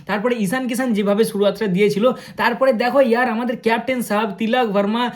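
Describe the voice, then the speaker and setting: Man, cricket vlogger, quick and excitable, chatty match review aimed straight at viewers. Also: extremely high pitch. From India. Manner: fast-talking, excitable, addresses viewers directly.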